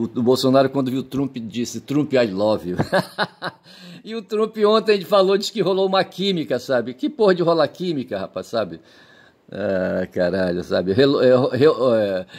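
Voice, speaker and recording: Speaking from home, a video commentator with a deep, darkish voice rambles casually and digressively, swearing crudely and laughing at his own jokes. He keeps tacking on "tá certo?" and "sabe?" to check that listeners agree.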